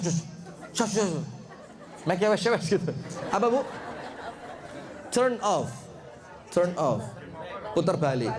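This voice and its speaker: A middle-aged man with a Javanese accent giving a jokey, animated sermon to a congregation and putting questions to the audience. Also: fairly high pitch. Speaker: Islamic preacher. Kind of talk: lively sermon to a live congregation.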